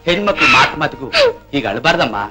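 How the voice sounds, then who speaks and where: An actor playing a kind, humble young male helper in an old Indian film drama, speaking gently and consolingly. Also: fairly high pitch, big pitch swings, quick pace, soft background music, heavily acted, poor audio. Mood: gentle.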